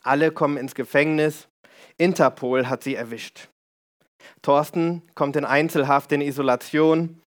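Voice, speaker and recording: A man's voice: a little high, steady tone, measured pace. A man with a slightly raised voice delivers a storytelling sermon. He explains things in a conversational way and turns to his listeners with small asides.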